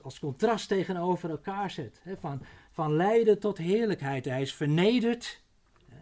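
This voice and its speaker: Mellow-voiced man preaching a sermon. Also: fairly high pitch. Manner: unhurried, often slowing to stress words, with frequent "hè" and restarts. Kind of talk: sermon, Bible exposition.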